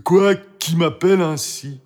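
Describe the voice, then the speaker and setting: Excitable guard dog, voiced by a man: high, loud, grumbly. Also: a little slow, close to an everyday voice. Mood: surprised. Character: fierce male guard dog, greedy and excitable.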